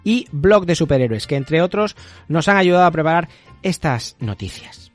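A man's voice: a little high, animated, normal speed, soft background music. A man from co-hosting a podcast, full of playful, teasing interjections. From Spain. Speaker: podcast co-host. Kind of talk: casual podcast banter.

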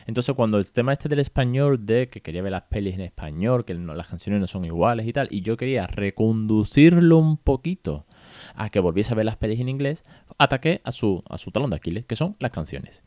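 A Spain Spanish man talking casually on his podcast, with a lowish voice. He tells things in a chatty, colloquial way, full of asides to his listeners. The sound is dry and close, with no room around it. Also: very animated, fairly quick, warm tone, no echo. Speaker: podcast host and father.

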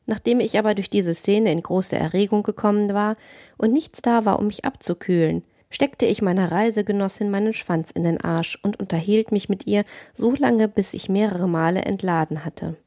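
A woman's voice: medium pitch, moderate pace, dark tone, no echo. Woman narrating an audiobook, dry sound.

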